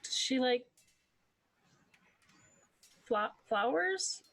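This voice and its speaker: A woman's voice: sits high, animated, extremely slow, gravelly, fairly bright tone, no echo. A woman chatting casually as a player in a tabletop game, informal and a little tentative.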